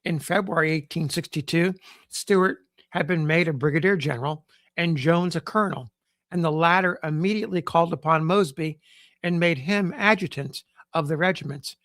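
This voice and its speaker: Man reading aloud, formal and measured, slightly high voice, dry close recording. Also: a bit bright, dry recording. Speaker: podcast host. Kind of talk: reading a period newspaper sketch aloud.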